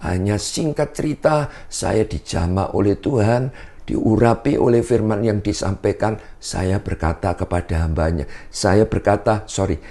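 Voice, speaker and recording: A man's voice: on the low side, unhurried, warm tone. A man giving a spoken church testimony, telling his story step by step and often turning to address the listeners directly. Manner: storytelling, keeps addressing listeners as brothers and sisters.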